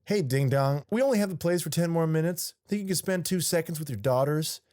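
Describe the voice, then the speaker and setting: A man's voice: a little high, a little fast, a little mellow, pitched above the performer's own voice, lightly acted. A man voicing a bossy, scolding woman, an ex-wife, in an audiobook.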